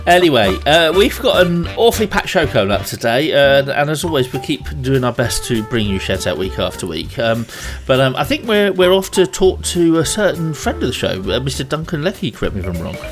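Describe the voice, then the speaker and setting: A man's voice: medium pitch, sing-song, a little fast, hardly any pauses, soft background music. A man hosting a radio show with casual chat and links.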